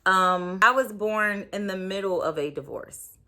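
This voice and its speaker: A woman's voice: medium pitch, measured pace, bright, forceful tone. A woman in her thirties, a podcast host, telling a personal story in a candid, reflective way, with many fillers.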